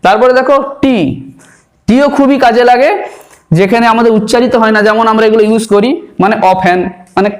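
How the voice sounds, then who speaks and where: A man gives a patient pronunciation lesson. His voice sits fairly high. He spells each word letter by letter and says it again before moving on. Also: fairly even intonation. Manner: slow, spells out words letter by letter and repeats them. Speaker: English pronunciation tutor. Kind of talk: explanatory spoken lesson.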